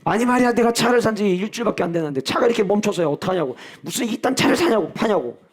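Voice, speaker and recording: A man's voice: high-pitched, lively intonation, rapid-fire, husky, pitched above the performer's own voice. A man acting out an angry man complaining that his brand-new car stopped running. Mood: indignant. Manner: shouting complaints, indignant. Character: furious man who just bought a new car.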